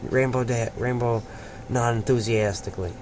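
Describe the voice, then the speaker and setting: This fan fiction host reads a story aloud with casual asides, stumbling on words occasionally and repeating them, in an informal amateur style. His pitch is medium, his intonation fairly even, and his pace moderate. The recording is a noisy amateur one made at home.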